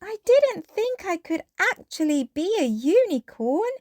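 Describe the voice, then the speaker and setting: A woman's voice: extremely high pitch, very animated, a little mellow, no echo, studio quality, voice pushed up, full character voice. A woman voicing a cheerful, imaginative little girl pig with a sweet, childlike delivery in a children's storybook. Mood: happy, excited. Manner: sweet, childlike, drawn-out phrases. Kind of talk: children's storybook read-aloud.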